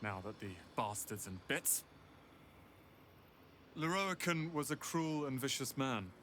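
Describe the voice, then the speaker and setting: Bitter young tiefling wizard. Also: male voice, medium pitch, expressive, slow pace, fairly bright tone, a little hiss or hum. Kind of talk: video game voice acting.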